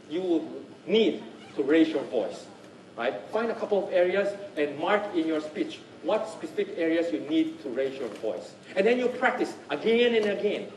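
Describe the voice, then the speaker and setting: A man teaches a public speaking workshop, his voice rising and falling with lively swings. He sits high for a man and keeps checking in with his listeners. The sound is roomy and picked up from some way off. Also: distant mic, a little hiss or hum. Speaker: workshop trainer. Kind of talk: speaking skills workshop talk. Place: workshop room.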